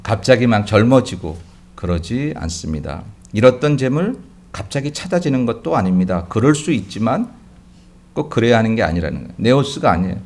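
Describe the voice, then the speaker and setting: A man pastor preaching a sermon, swinging between loud exclamations and quiet asides and putting rhetorical questions to his congregation. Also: lowish voice, sing-song, brisk.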